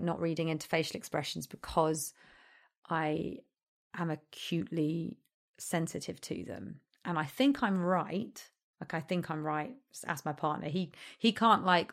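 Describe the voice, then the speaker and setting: A woman rambling casually in a solo monologue, hesitant and self-deprecating, often trailing off and circling back to her point. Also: lowish voice. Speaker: content creator.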